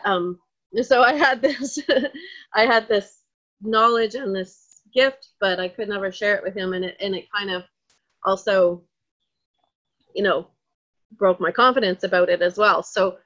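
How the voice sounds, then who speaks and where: A woman on a video call, sharing in a soft, halting way and sounding moved, searching for her words. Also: mid-range voice. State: emotionally moved. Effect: heard over a video call. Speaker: workshop participant. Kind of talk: personal sharing in a group call. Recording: dull, lo-fi video call audio.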